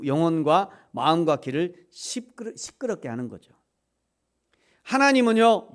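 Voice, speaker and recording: A man preaching a sermon in a church, his fairly high voice rising and falling in lively swings. He moves from loud, sudden shouts down to hushed, near-whispered lines. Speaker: pastor. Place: church sanctuary.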